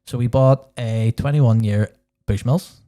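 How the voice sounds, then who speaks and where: A man's voice: medium pitch, measured pace, dark tone. A young man co-hosting a podcast, chatting with enthusiasm and teasing his co-host. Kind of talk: casual chat.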